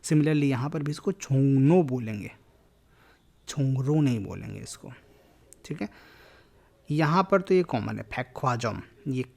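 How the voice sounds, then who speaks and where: Male language tutor, gravelly voice, mid-pitched, explanatory lecture delivery. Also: expressive, moderate pace, long pauses, a little mellow. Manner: mixes Hindi and English while explaining Korean grammar. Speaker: Korean language teacher. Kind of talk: explaining a lesson.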